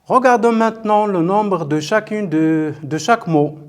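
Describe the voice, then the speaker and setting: Slow, lively-pitched male teacher. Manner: patient, repetitive, stretches out words syllable by syllable; questions and praises pupils often. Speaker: primary school teacher. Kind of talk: televised classroom lesson.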